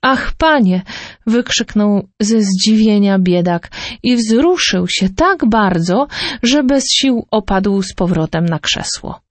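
A woman reads a Christmas folk tale in a gentle, measured way. Her pace is slow and unhurried. The recording is dry and close. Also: medium pitch, no echo. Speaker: storyteller. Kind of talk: scripted narration of a folk tale.

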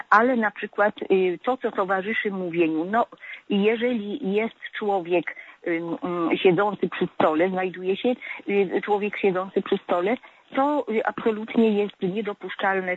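A woman calling in to a radio show, lecturing on correct speech with many hesitant filler sounds. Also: lowish voice. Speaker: radio caller. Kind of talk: call-in talk about correct speech. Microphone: telephone. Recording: tinny phone line.

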